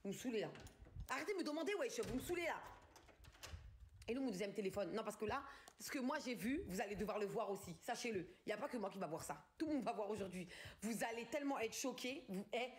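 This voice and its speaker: A woman's voice: on the high side, expressive, fast talker, a little hiss or hum. A woman in her twenties from France, ranting angrily in street slang and swearing as she tells a story on a live stream from her bedroom. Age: 20s. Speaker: livestreamer. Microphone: phone camera.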